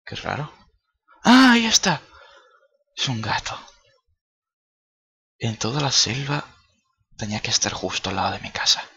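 A man chatting through a video game. His voice sits low and gravelly but comes out bright and forward. He curses offhandedly and coaxes quietly, close to a whisper. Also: moderate pace, long pauses, no echo. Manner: playful, swearing, coaxing with soft near-whispers. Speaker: gaming YouTuber. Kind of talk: casual gameplay commentary.

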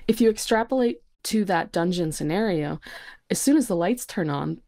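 Speaking at normal speed, this woman has a fairly low pitch, a dark tone, and lively intonation. She's an insect research technician appearing as a podcast guest, explaining things in a casual, nerdy, self-aware manner while background music plays.

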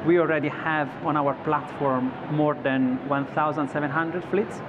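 This man in his thirties is an executive guest on a trade show studio set built on the convention floor. His voice sits on the high side, his tone stays steady, and he moves at a moderate pace, thinking aloud with many restarts and fillers. Background noise comes through clearly in the somewhat dull recording.

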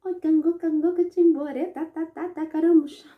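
Lady putting on a high sing-songy poop thing chanting away, echoey room. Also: steady tone, normal speed, phone-quality sound. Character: singing living poop creature, cheeky.

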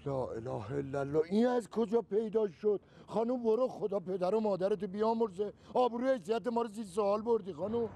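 An actor playing a touchy, boastful middle-aged father who grumbles and takes offence quickly, in a comedy film. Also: on the high side, animated, warm tone, slight background noise, natural voice. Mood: flustered. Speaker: father of the household.

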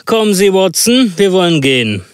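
A man voicing an impatient, eccentric male detective with quick, commanding speech. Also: sits high, big pitch swings, clean tone, no echo, clean studio sound, pitched above the performer's own voice.

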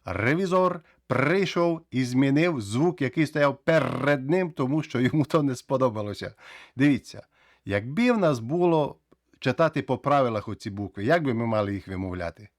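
Guy teaching english vowels, lively, says words real slow over and over, dry sound. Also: mid-range voice, no echo. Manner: lively, drills words slowly again and again. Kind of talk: explaining pronunciation rules.

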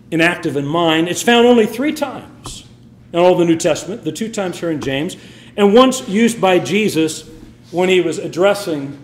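A man's voice: sits high, roomy sound. A man preaching a sermon with emphatic, swinging delivery. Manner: emphatic, rising and falling delivery.

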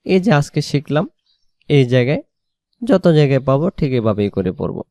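Warm-voiced man teaching Quran reading. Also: medium pitch, very animated, no room sound, studio quality. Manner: patient, repeats and draws out Arabic syllables slowly. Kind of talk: spelled-out recitation lesson.

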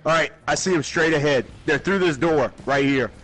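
A man chatting casually with friends while gaming, excitable, often shouting and laughing. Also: fairly high pitch, normal speed, faint music behind. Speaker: gamer. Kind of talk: casual game chat with friends.

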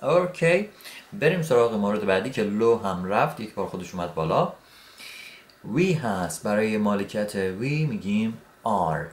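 A man teaching English grammar in a relaxed, repetitive way, saying okay often while writing on a board. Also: lowish voice, reverberant. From Iran. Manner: relaxed, repeats words, says "okay" often. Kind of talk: explaining grammar at a whiteboard.

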